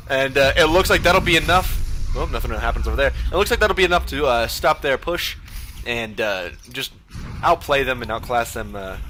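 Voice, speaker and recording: A man giving casual, profane play-by-play of a video game match, full of ums and uhs, with sudden bursts of excitement. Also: medium pitch, a little hiss or hum. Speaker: esports caster.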